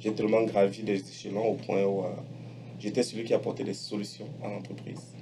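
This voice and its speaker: A middle-aged entrepreneur, an electronics technician by training, gives a personal testimonial explaining his career. He speaks haltingly and deliberately in a fairly low voice with little pitch movement, repeating phrases for emphasis, against clearly noisy background ambience.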